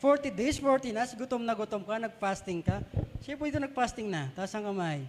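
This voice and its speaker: A man's voice: high voice, expressive, a little fast. A man with a Filipino accent preaching a sermon in a conversational way, often putting questions to the congregation. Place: church hall. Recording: long reverb of a church hall.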